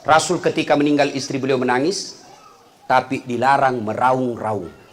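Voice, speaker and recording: A middle-aged man, preaching a humorous sermon to a congregation, telling stories and swinging between loud calls and low asides. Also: fairly even intonation, moderate pace.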